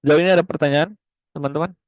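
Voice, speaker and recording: A man's voice: a little high, fairly even intonation, rapid-fire, no room sound. Man lecturing over choppy call audio. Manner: explains step by step, tagging lines with "ya". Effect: choppy, cutting-out video-call audio. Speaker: accounting lecturer. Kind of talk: online class lecture. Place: online video call.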